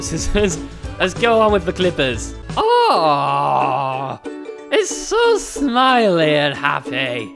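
A British man in his twenties doing casual, jokey, sarcastic and sweary gaming commentary for his channel. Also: sits high. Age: 20s. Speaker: YouTube gaming host. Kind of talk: casual let's-play commentary. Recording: music behind the voice.

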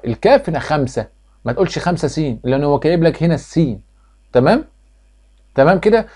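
A man's voice: fairly high pitch, a little mellow. A man with an Egyptian accent teaching a math review lesson, firing questions at students and answering them himself, repeating each step like a drill. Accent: Egyptian Arabic. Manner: quizzes students and answers his own questions.

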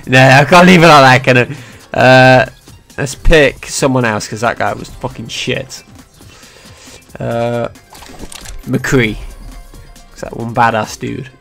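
A young man giving excitable, swear-filled commentary on his first time playing a game, with constant startled exclamations. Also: mid-range voice, slow, creaky, long pauses, soft background music. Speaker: gaming YouTuber. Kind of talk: casual gameplay commentary.

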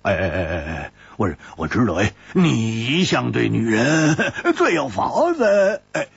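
A male storyteller voicing a brash, hot-tempered young swordsman who exclaims and stammers loudly. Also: mid-range voice, huge pitch swings, measured pace, gravelly, breathy edge, no room sound, lo-fi sound, heavily acted. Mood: wheedling.

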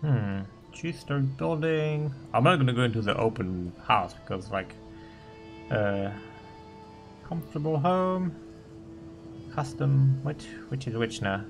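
A man's voice: mid-range voice, unhurried, vocal fry, music in the background. A man playing through a gamebook and thinking aloud, hesitant as he mulls over his choices. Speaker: player.

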